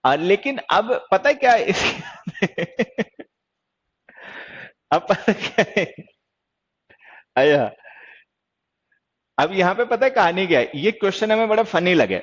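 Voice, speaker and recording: A hoarse man teaching an online English grammar class, scolding and teasing his students playfully as he explains. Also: high voice, muffled recording. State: hoarse from shouting.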